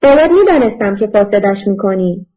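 A woman voicing an angry adult husband who shouts threats, in a dull lo-fi audiobook recording. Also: high-pitched, expressive, faint music behind. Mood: spiteful.

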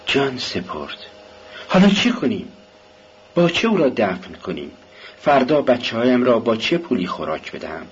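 A man's voice: mid-range voice, big pitch swings, muffled recording, a little hiss or hum, lightly acted. A man voicing a bitter, sick poor mother. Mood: desperate. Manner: bitter and sharp-tongued.

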